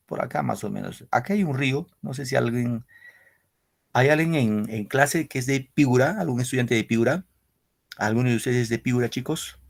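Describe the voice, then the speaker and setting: A man's voice: medium pitch, creaky. A man teaching an online literature class, explaining step by step and often checking in with his students.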